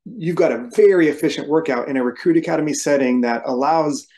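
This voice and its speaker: A fairly high yet dark-toned male voice moves at a fairly quick clip. The speaker, a firefighter and coach in his forties, is a podcast guest on a video call from a small home room, laying out explanations in a methodical, teaching manner.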